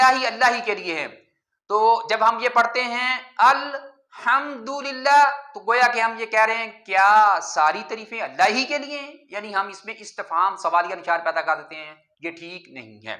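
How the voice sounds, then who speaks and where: A man teaching a Quran pronunciation lesson, patiently repeating words slowly to contrast right and wrong recitation. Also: high-pitched, bright, forceful tone, echoey room.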